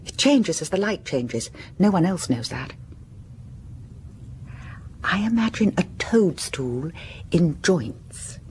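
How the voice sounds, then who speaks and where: In a gothic audio drama monologue, an actress plays a secretive, obsessive wife who is confined and sliding into madness. Her lowish, darkish voice is halting and often slips into breathy whispers, sounding obsessed and haunted. There's a little hiss or hum on the recording.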